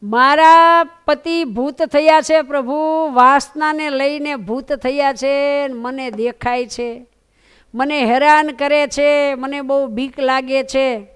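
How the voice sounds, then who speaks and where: A woman's voice: high-pitched, fairly even intonation, takes it slowly, fairly bright tone. A woman voicing a grieving widowed village woman who pleads tearfully in prayer. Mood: pleading.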